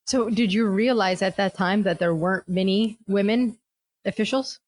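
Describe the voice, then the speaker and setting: A woman's voice: mid-range voice, moderate pace, a little mellow. A woman hosting a podcast, asking friendly, leading interview questions. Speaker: podcast host.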